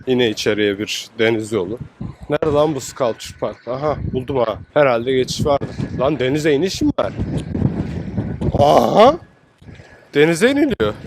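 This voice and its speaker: The audio is rough as this mid-range male travel vlogger strolls through a blustery coastal city. He talks casually in slang and keeps reacting out loud to the sights.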